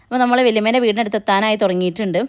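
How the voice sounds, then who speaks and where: A woman's voice: medium pitch, clean tone. A young mother, chatting casually to viewers in a family vlog. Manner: chatty, fast, addresses viewers directly. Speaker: family vlogger.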